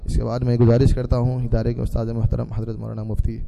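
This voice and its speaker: A man's voice: mid-range voice, completely flat delivery, creaky, warm tone. A man preaching at a madrasa gathering, urging his listeners with earnest exhortation and repeated phrases. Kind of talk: sermon.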